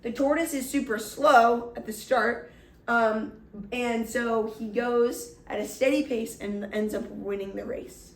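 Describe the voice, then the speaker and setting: An energetic woman teacher giving an upbeat, chatty classroom lecture. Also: a little high, measured pace, recorded from a distance. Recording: echoey room.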